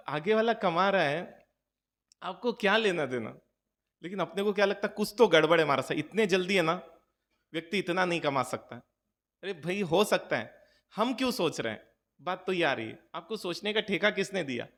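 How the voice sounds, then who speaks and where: A man with a high, slightly bright voice preaches as a Jain monk to a gathering. His sermon is conversational, full of jokes and rhetorical questions aimed at listeners, and the recording carries a long hall reverb.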